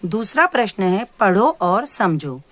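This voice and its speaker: A woman teaching young children, reading words aloud slowly for them to repeat and explaining each one patiently. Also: medium pitch, big pitch swings, a bit bright, no room sound. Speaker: primary school teacher. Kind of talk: slow, clear classroom lesson for young children.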